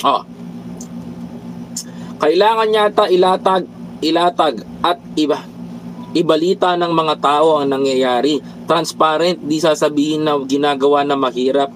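A Filipino man runs a casual political commentary livestream, preaching to viewers, reading their comments and mixing in English phrases, repeatedly calling them brothers and countrymen. His voice is a little high and a little slow, with long pauses, over a rough recording with slight hiss or hum.

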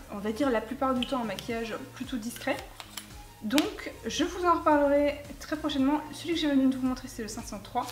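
A woman, chatting casually and enthusiastically about her latest makeup haul, with lots of fillers. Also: fairly high pitch. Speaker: beauty vlogger. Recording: echoey room with faint music.

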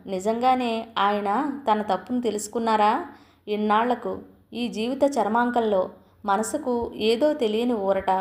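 A woman narrating an audio story in the first person, reading slowly and earnestly before closing with a note to her listeners. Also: medium pitch, a little mellow.

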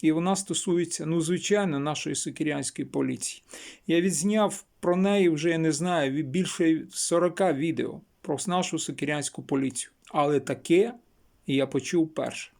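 A man from western Ukraine speaks in a fairly high voice as a local blogger. He is insistent and repeats phrases to drive home each point. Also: moderate pace, gravelly, a little mellow. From Chernivtsi region, Ukraine. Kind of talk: emphatic local news vlog.

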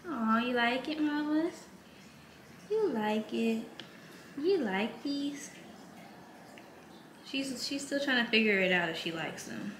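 A woman in her twenties sitting on the floor at home, coaxing her cat in a high sing-song voice. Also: animated, slow pace, long pauses, fairly bright tone, echoey room, slight background noise. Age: 20s. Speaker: vlogger. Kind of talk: coaxing pet-talk.

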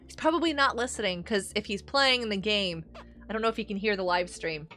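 Speaking briskly in a mid-range voice with a sharp edge, a middle-aged woman streams a game over a headset mic while soft music plays. She's a livestream host and homeschooling parent, casually chatting, laughing, and welcoming viewers by name.

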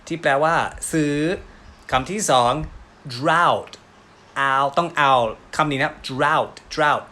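A man with a Northeastern Thai accent teaching English pronunciation, drawing out each word slowly as he models it. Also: a little high, fairly even intonation, bright, forceful tone. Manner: slow, drawn-out word modelling. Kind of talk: pronunciation lesson.

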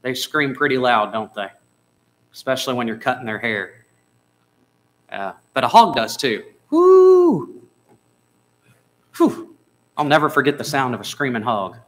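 Bright-voiced man preaching a sermon. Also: fairly high pitch, low-quality recording. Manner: conversational, asks the congregation questions. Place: church sanctuary.

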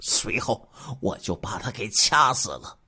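A man telling a true-crime case in the first person as the killer, dramatic and emotional, dropping to hushes and rising to loud bursts. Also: on the low side, sing-song, measured pace, husky.

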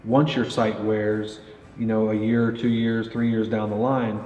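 Little pitch movement marks this man's lowish, darkish voice, and he speaks a little slowly. In his thirties and serving as a company pro staff interviewer, he casually interviews a guest about archery gear at an indoor range in a product interview, with many fillers. The recording has roomy echo, dull sound and faint noise.

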